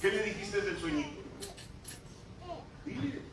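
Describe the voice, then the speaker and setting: Impassioned high-voiced preacher in echoey church. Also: male voice, animated, slow pace. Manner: impassioned, addresses congregation directly. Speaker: pastor. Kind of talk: Pentecostal sermon. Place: church hall. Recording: echoey church recording from far off.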